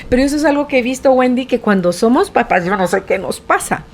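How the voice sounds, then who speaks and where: A woman's voice: fairly high pitch, fast talker. A woman in her sixties with a Guatemalan accent hosting a podcast, telling stories with frequent laughter in casual conversation. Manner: animated storyteller, laughs often. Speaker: podcast host.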